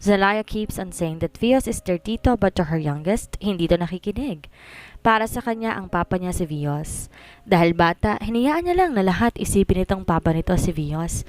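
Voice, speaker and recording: A woman's voice: medium pitch, animated, moderate pace, low-quality recording. A woman narrating a dramatized story, mixing English into Tagalog.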